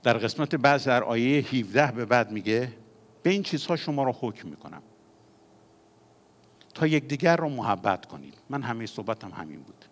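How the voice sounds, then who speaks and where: A man preaching a sermon as pastor, moving between quiet confiding passages and loud, fervent exhortation. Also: mid-range voice, expressive.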